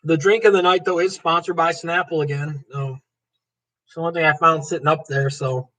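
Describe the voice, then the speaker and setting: The host of this live stream jokes and chats casually, reading comments aloud and addressing viewers by name. His voice is on the high side and fairly bright, with fairly even intonation and normal speed, captured in a low-quality recording.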